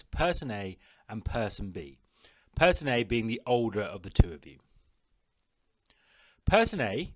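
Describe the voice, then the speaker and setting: Man teaching a lively classroom lesson. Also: medium pitch. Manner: clear, instructive, addressing pupils.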